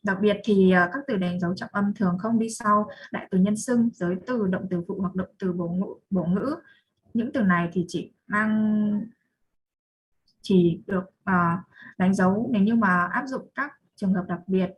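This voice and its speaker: A woman's voice: medium pitch, normal speed, slight background noise, low-quality recording. Young Vietnamese woman presenting a class topic. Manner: reads slide definitions then restates them. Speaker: student presenter. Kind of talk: class presentation, English then Vietnamese explanation.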